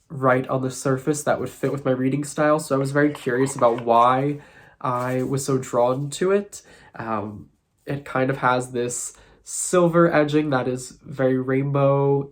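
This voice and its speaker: A man's voice: medium pitch, slight background noise. A man with a nasal, congested voice from sinus trouble, talking in a thoughtful, musing way in a casual vlog. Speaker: tarot content creator.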